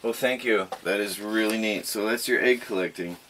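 A man's voice: lowish voice, moderate pace, a bit bright. Middle-aged guy chatting on his vlog, laughs a lot, camera across a little wood cabin room, faint hiss. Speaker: vlogger. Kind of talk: casual chat. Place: small wooden cabin living room.

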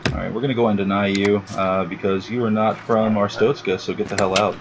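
A man casually commenting as he plays a game for the first time, chatty and sarcastic, reading on-screen text aloud on a low-quality home mic. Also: steady tone, a little fast, background noise. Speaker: gaming YouTuber. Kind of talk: casual let's-play commentary. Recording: loud game music behind.

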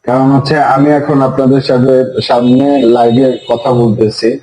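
A Bangladeshi man speaking in a halting, pleading way, distressed and tearful, as he addresses viewers in an emotional livestream monologue. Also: medium pitch, level tone, dark tone. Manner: pleading, halting, with repeated phrases. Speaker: father making a public appeal. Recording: echoey room.

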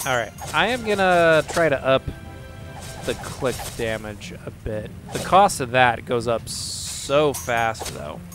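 A man's voice: mid-range voice, lively intonation, slow. A man giving casual, upbeat let's-play commentary, rambling and laughing easily as he plays. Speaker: gameplay commentator. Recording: game music playing behind.

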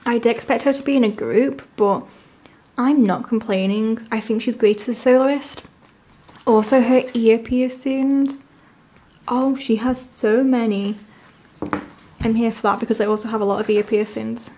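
A woman with a sore, swollen-tonsil voice from tonsillitis, chatting casually and gushing excitedly as she hosts an unboxing. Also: fairly high pitch, normal speed, slight background noise. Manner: gushing, enthusiastic. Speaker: unboxing video host.

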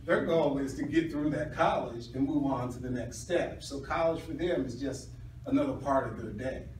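A middle-aged man defends his research in a hedging, halting way, restarting phrases as he explains. He is recorded from across an echoey classroom, with clear background noise. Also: mid-range voice, darkish tone. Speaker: doctoral candidate defending his dissertation. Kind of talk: academic oral defense, answering questions. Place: small university classroom, indoors. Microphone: distant camera or phone across the room. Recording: echoey room, distant mic, noisy.

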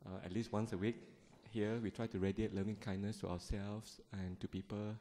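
Soft-spoken Malaysian-born man giving a Buddhist talk. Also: lowish voice, little pitch movement, moderate pace, a little hiss or hum. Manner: gentle, conversational, with frequent fillers and small laughs. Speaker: guest speaker at a Buddhist group. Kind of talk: Dharma talk to a seated audience. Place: temple hall, indoors, seated on the floor before a shrine. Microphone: handheld microphone.

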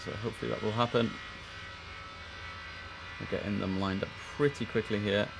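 A man with a croaky early-morning voice, chatting on a live stream while giving air traffic control calls. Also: on the low side, fairly even intonation, normal speed. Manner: chatty, mixes slang with controller phraseology. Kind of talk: casual live-stream commentary with radio calls.

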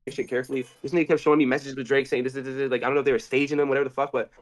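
Rapid-fire cursing man. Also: medium pitch, little pitch movement. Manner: rapid, cursing, restarts often. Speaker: interview guest. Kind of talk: rambling profane storytelling.

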